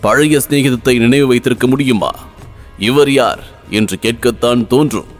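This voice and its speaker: A young crown prince, played by a man narrating a storybook, who speaks briskly and shifts from mockery to pleading. His voice sits at a plain middle pitch. Faint music hums under the reading. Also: natural voice. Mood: chiding. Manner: brisk, mocking and pleading by turns. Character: young crown prince, teasing then earnest.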